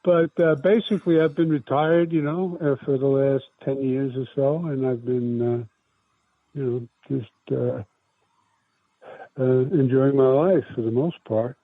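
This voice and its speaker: A man from South Brooklyn, New York, is a guest in a casual life-story interview, rambling and halting with many restarts and fillers. His mid-range voice holds a steady tone. The sound is tinny and dry like a phone line, with no room sound.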